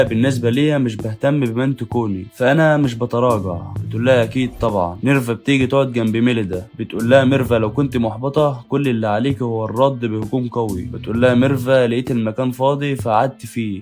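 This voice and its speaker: A man's voice: medium pitch, a little mellow. A young man with an Egyptian Arabic accent narrating an anime recap, reading every character's lines in his own voice.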